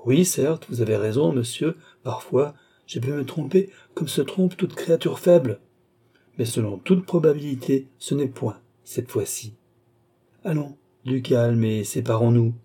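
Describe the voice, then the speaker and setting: A grave, composed doctor speaks in calm, measured, gentle tones, as a male audiobook reader puts him on. The voice is mellow and a little husky. It sounds like a storybook reading. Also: mid-range voice.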